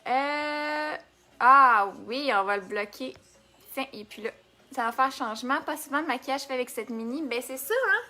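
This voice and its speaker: A woman's voice: sits high, normal speed, sharp tone, soft background music. A young woman with a Québécois accent hosting a casual makeup live stream, chatting and answering viewer comments as she works. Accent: Québécois French.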